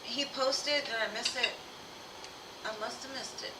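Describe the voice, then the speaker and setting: A woman's voice: on the high side, measured pace. A woman talking informally and familiarly to viewers as the host of a live reading stream. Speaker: live tarot reader and host. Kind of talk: casual livestream chat. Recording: roomy, distant mic, clear background noise.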